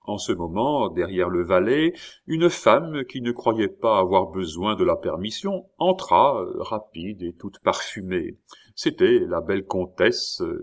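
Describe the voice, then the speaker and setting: A man reading a classic novel aloud, expressive and with occasional hesitant fillers. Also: on the low side. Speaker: narrator.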